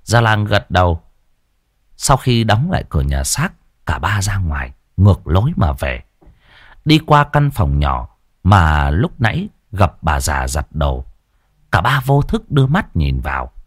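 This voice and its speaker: A man, narrating a ghost story in a lively, colorful way. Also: sits low, unhurried, no room sound, clean studio sound.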